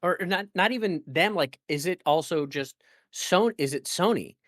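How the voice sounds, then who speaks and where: A man's voice: sits high, moderate pace, dry recording. Rambling male podcast host, dry close mic. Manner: rambling, animated, many fillers and restarts. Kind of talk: casual gaming podcast chat.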